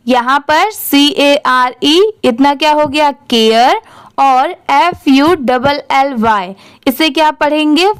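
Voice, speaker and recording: A woman teacher with a high voice leads an English reading lesson. She talks slowly and patiently, spelling each word letter by letter and then asking how it is read. The sound is dry and close. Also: dry recording. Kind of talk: spelling out words letter by letter for learners.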